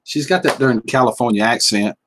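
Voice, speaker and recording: A middle-aged man with a Southern US accent hosts a livestream and reads out the chat, chatting casually and folksily. He chuckles and drawls out his words. His medium-pitched voice is brisk, with a noisy background.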